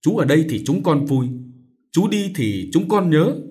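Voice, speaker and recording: A man's voice: on the high side, sing-song, measured pace, dark tone, husky, voice pushed up, exaggerated voice. A man voicing a young girl who pleads tearfully. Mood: pleading.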